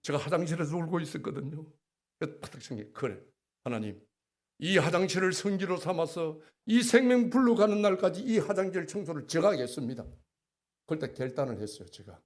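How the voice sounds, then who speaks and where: A middle-aged man delivers a church testimony in a sermon style. His voice sits slightly high and rises and falls widely. He turns emphatic, moving between loud bursts and quiet asides as he acts out his own prayers. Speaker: church elder giving testimony. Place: church sanctuary.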